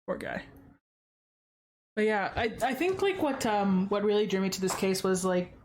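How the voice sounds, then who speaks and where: A woman's voice: mid-range voice, very animated, a little slow, a little mellow, slight background noise. A woman hosting a casual true-crime podcast, chatty and filling her sentences with "like". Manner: chatty, heavy use of "like" fillers. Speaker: podcast host.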